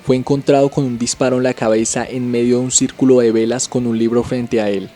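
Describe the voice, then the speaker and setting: Male channel narrator, measured and steady, low-key dark timbre, scripted storytelling read. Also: soft background music.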